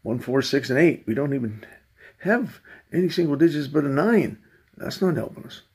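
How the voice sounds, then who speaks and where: A man with a gravelly, husky voice mutters dry, sarcastic remarks as he works through scratch tickets. His talk is loose and unhurried, half to himself and half to his viewers. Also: fairly high pitch, animated, a little mellow. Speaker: channel host. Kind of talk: casual running commentary while scratching lottery tickets.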